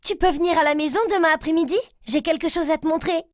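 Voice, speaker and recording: A woman voicing an excited, chatty little girl in a children's storybook reading, with high childlike lines. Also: fast, no echo, highs cut off.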